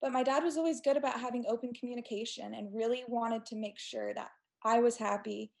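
A woman in her twenties from Texas, a guest telling stories in a chatty, animated way during a casual interview. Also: a little high, fairly quick, gravelly. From United States (Texas). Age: 20s.

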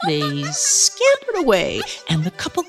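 A woman narrating a children's story in an animated, expressive way. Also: mid-range voice, measured pace, faint music behind.

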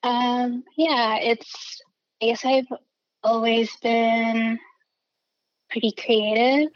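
A woman from the Philadelphia area being interviewed about her art from her studio, speaking hesitantly with many fillers and pauses. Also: a little high, steady tone, no room sound. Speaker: guest artist. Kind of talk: casual interview. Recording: dull lo-fi remote line, dry.

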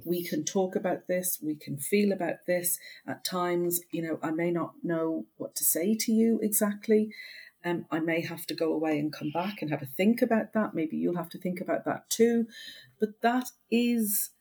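A woman speaking as an expert podcast guest, reassuring and measured in a reflective conversation. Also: lowish voice, mellow, breathy edge.

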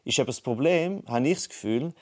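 A man's voice: mid-range voice, lively intonation, fast. A man, co-hosting a casual podcast. He thinks aloud and circles back, restarting his sentences as he goes. He is heard over a phone call. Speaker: podcast co-host. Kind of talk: casual conversation.

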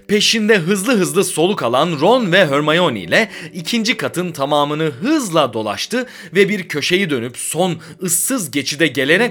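Expressive man reading a dramatic story. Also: a little high. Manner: expressive, voices characters' lines. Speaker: podcast host and reader.

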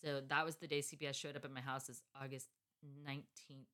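A woman's voice: a bass voice, flat delivery, fast talker, a bit bright. A woman in her thirties, a podcast co-host, telling her story in casual chat, blunt, sarcastic and full of swearing. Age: 30s.

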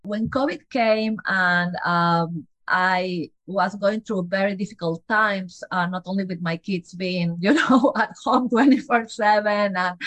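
A Peruvian physician in her forties, speaking with a Peruvian Spanish accent, chats as an interview guest, laughing lightly and restarting phrases as she talks. Her mid-range voice is a bit bright, and the recording is dry.

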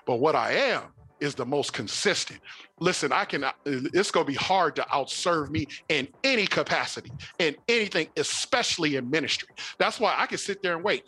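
Folksy preacher man, bright voice. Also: sits high, no room sound. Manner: folksy, preachy, says "y'all" and "wait a minute" often. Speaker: pastor. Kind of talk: casual sermon to camera.

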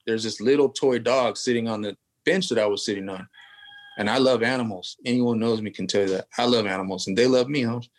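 A man's voice: mid-range voice, fairly quick. A man from California, a tattoo artist guest telling a long story in casual, rambling fashion full of street slang and asides.

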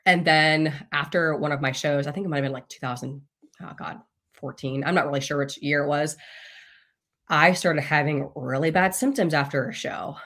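A woman's voice: sits low, normal speed, a bit bright. A woman in her thirties, a podcast guest, telling a personal story in a candid, casual way, swearing freely and laughing often.

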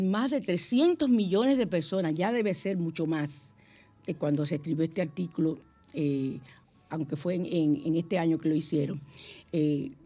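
A woman's voice: medium pitch, dark tone. A middle-aged woman, a psychologist hosting a conversational radio show, who acts out quoted dialogue in a raised voice. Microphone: studio microphone.

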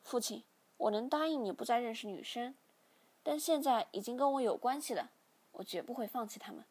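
A woman's voice: fairly high pitch, a little fast, darkish tone, breathy edge. A woman voicing a stubborn young man who answers his father firmly in a read-aloud novel. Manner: firm, defiant. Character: young male first-person hero, stubborn.

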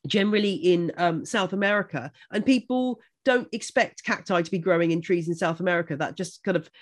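A middle-aged woman from Buckinghamshire with a Home Counties accent, chatting informatively and enthusiastically about her expertise in an animated, emphatic way. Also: on the low side, brisk. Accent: English Home Counties. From Buckinghamshire, England. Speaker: houseplant expert and author.

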